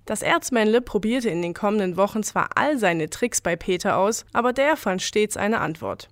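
A woman calmly narrating a folk tale as a scripted story. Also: medium pitch, moderate pace, dry recording, clean studio sound.

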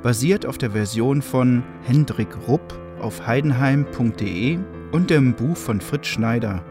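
Slow man reading credits over music. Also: mid-range voice. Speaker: credits announcer. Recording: music playing under the voice.

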